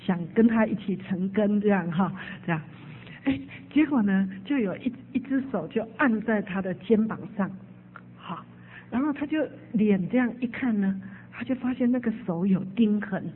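A woman's voice: mid-range voice, expressive, moderate pace, a little hiss or hum. A woman preacher telling an emotive story in a sermon. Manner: emotive, with frequent "hao" fillers. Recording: tinny phone-like sound.

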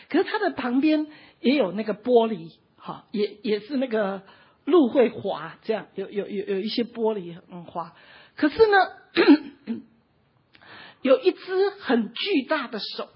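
A woman with a slightly rough, somewhat high voice delivers an impassioned sermon, frequently close to tears. She dots her lines with small "ha" tag particles, and the recording sounds dull and lo-fi.

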